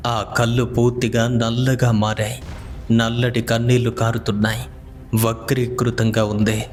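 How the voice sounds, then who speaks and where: Flat-voiced man telling a horror story. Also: mid-range voice, measured pace. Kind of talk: scripted horror narration. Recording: faint music behind the voice.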